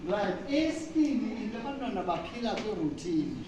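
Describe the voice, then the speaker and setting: A woman's voice: mid-range voice, big pitch swings, brisk. Echoey, distant woman with a Xhosa accent. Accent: Xhosa South African. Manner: explanatory, punctuated by check-in questions. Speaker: speaker leading a talk. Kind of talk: informal teaching talk, code-switching with English. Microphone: distant from the speaker. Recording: very echoey room, distant mic, noisy.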